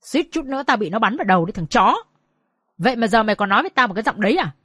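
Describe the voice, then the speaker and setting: A woman's voice: on the high side, lively intonation, rapid-fire, fairly bright tone, husky, no room sound, studio quality. A woman growling as a violent gang boss. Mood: menacing. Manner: menacing, growling.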